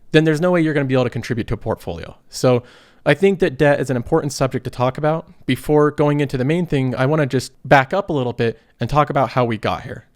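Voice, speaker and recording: A thirty-year-old man still recovering from a cold explains personal finance in an earnest, conversational monologue. His voice sits in the mid range, and the recording is dry and studio quality.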